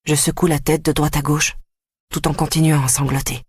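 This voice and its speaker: A grave audiobook narrator reads a dark first-person story from a script, his husky voice close to the mic with a dry sound, no room tone, and no echo. He speaks at medium pitch and normal speed with a level tone.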